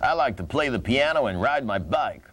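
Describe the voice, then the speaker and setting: A man's voice: medium pitch, animated, normal speed, a bit bright. A man voicing a simple, eager puppet sidekick with an insistent manner in a puppet show. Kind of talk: puppet show comedy patter.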